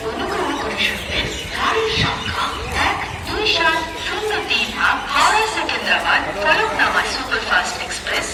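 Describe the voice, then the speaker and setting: A woman making a formal train announcement over a railway station loudspeaker, measured and clipped word by word. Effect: station loudspeaker public address. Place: railway platform. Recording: booming echo from distant station loudspeakers. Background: loud station noise.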